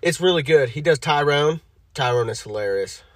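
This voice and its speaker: A man's voice: fairly high pitch, animated, normal speed, no room sound. A man co-hosting a casual podcast, joking around and teasing playfully. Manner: jokey, playful, laughs often. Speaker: podcast co-host.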